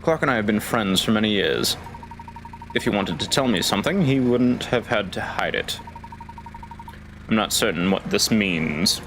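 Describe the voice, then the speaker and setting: A man voicing a proper, formal English gentleman professor from a video game, speaking in a measured, polite way. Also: on the low side, expressive, music in the background. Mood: composed.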